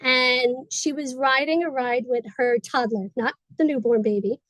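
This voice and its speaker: A woman on a webinar panel, chatty and quick, explaining how she trains staff over a video call. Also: high-pitched, fairly even intonation, fairly bright tone, dry recording, low-quality recording. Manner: chatty, fast-paced explaining. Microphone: video call mic.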